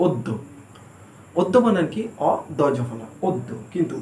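Male teacher with a fairly high voice, spells words out slowly, poses his own questions; echoey room, faint hum. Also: big pitch swings, mellow. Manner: asks questions and answers them himself. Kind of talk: blackboard spelling lesson.

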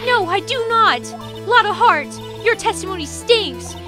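A very high, piping teenage sidekick voiced by a woman, shrill and insistent, sticking up for her friend. Bright game music plays underneath her. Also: animated, unhurried. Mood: indignant. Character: spunky teenage girl spirit-medium sidekick, loyal. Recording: game music playing behind.

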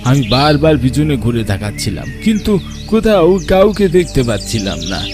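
Young guy telling a spooky story in first person, hushed and tense. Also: medium pitch, very animated, normal speed, over music. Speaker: narrator.

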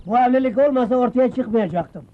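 A man's voice: very high-pitched, a little fast, a little hiss or hum. An actor playing a sly villager who faked his own death, wheedling, in a dull old film soundtrack. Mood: cheeky.

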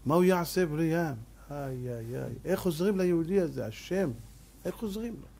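A male rabbi delivers a sermon through lively storytelling. He acts out each person's lines and laughs often, on a slightly high voice. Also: vocal fry, background noise. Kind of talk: sermon with acted-out stories.

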